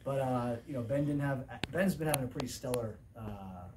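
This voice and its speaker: A middle-aged man, coaching volleyball, responds briskly to post-game questions in an indoor room, his voice mid-range. The distant camera microphone catches clear room noise along with him.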